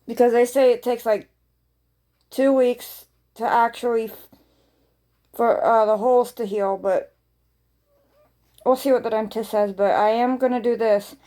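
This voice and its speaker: Casting: female vlogger, higher-pitched soft-edged mellow voice, informal rambling delivery with repeated phrases. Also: fairly even intonation, measured pace, long pauses. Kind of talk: casual chat to viewers.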